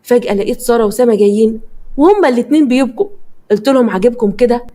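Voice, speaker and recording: An Egyptian woman tells a dramatic first-person story at a very fast clip. Her voice sits a little high. Her telling is lively and dramatic. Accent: Egyptian Arabic.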